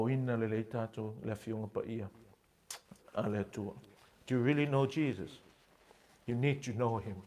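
A man preaching a sermon as pastor, impassioned, with slow, emphatic phrases that swing between loud and hushed. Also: mid-range voice.

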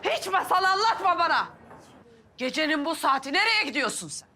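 A woman's voice: high voice, sing-song, normal speed, sharp tone, a little hiss or hum, full character voice. An actress playing a middle-aged mother sharply scolding her daughter. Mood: stern.

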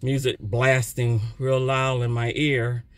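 A middle-aged man giving a casual spoken testimony, talking loudly and telling his story with energy. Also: medium pitch, takes it slowly, no room sound. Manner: loud, animated storytelling. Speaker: churchgoer sharing a testimony.

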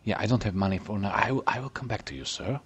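A man's voice: on the low side, quick pace, fairly bright tone, muffled recording, slight background noise. A man casually commenting on his gameplay, chatty and playful, often dropping to a whisper. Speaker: let's play gamer.

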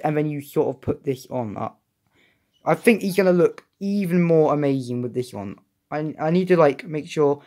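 Young male toy vlogger, slightly higher voice, chatty and excitable, lots of restarts. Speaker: toy reviewer. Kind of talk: casual unboxing vlog.

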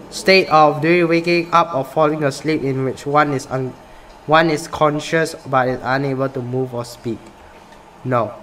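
A young Singaporean man, a gaming YouTuber, plays a game on camera in a small indoor room, reading its questions aloud and reacting casually, often with "bro." His voice sits on the high side with a fairly bright tone. The recording is rough, with a little hiss or hum.

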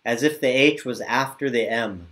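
A man teaching yoga mantra chanting over a video call, drawing out the chants slowly and talking more quickly between them. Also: medium pitch, fairly bright tone. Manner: slow drawn-out chanting, quicker casual asides.

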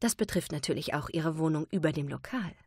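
A woman's voice: low-pitched, lively intonation, warm tone, slightly rough, no echo, clean studio sound, exaggerated voice. A woman voicing a cold, haughty businesswoman who draws out her words condescendingly. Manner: drawn-out, condescending.

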